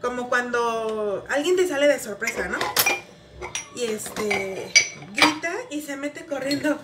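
Chatty mom, high roomy voice. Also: female voice, slow, far from the mic, heavy background noise. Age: adult, mother of a grown son. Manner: chatty, addresses viewers as "chicas", many fillers. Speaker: vlogger. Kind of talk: casual storytelling while washing dishes. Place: home kitchen. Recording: roomy, off-mic, with dish clatter. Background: dishes, pots and pans clattering.

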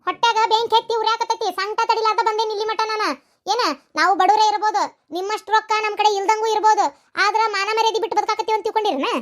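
A woman voicing an angry, proud, middle-aged village woman in a cartoon, with a North Karnataka Kannada accent and a shrill, scolding manner. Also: fairly even intonation, racing. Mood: indignant. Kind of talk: cartoon voice acting.

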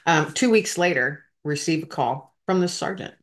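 A woman's voice: low-pitched, animated, moderate pace. A woman, a veteran hosting a podcast, telling an emotional story in a heartfelt, rambling way and talking straight to her listeners.

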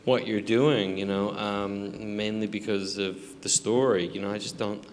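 Low-voiced american guy rambling at a q&a, lots of um and you know, big echoey theater, noisy. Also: fairly even intonation. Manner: halting, rambling with many fillers and restarts. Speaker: filmmaker answering audience questions. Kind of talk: casual live Q&A. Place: large theater in front of an audience. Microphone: handheld mic. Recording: long theater reverb, background noise.

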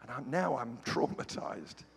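A man's voice: mid-range voice, animated, unhurried, gravelly, breathy edge. A middle-aged British man preaching a sermon as a guest pastor, telling funny stories with playful, joking asides. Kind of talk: humorous sermon storytelling. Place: large church sanctuary. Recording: reverberant church hall, faint ambience.

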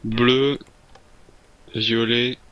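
A man's voice: medium pitch, little pitch movement, drawn-out words, lo-fi sound, noisy background. A man chatting casually and informally with friends as they work through a game puzzle, with the odd swear word. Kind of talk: casual gaming chat while solving a puzzle.

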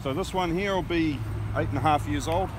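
A man, telling stories in a casual, unhurried way with many fillers, first outdoors in an orchard and then riding in a van. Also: fairly high pitch. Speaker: guest, fisherman and orchard grower. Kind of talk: casual chat. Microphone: handheld camera held by the host. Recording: steady background noise from outdoors and car. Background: outdoor ambience and road noise.

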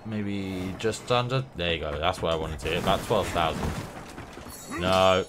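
Speaking at a normal speed in a low-pitched voice, a young gameplay streamer with a runny nose keeps up rambling, playful, casual commentary as he plays. The game's noise comes through behind him.

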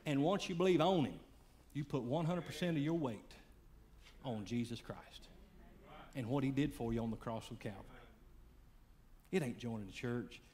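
A man preaching a sermon, swinging between loud fiery calls and hushed, quiet lines. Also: medium pitch, animated, moderate pace, pauses often. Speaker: pastor.

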